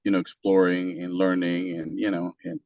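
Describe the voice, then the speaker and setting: A man from Costa Rica, a native Spanish speaker with a Costa Rican Spanish accent, talking as an interview guest in a halting way with many fillers and restarts. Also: low voice, little pitch movement, no echo, phone-quality sound. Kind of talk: casual interview talk.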